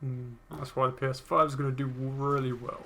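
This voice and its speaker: A man's voice: medium pitch, little pitch movement, fairly quick, creaky, sharp tone. A young man chatting casually beside a friend's gameplay, laid-back and swearing now and then. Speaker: co-commentator.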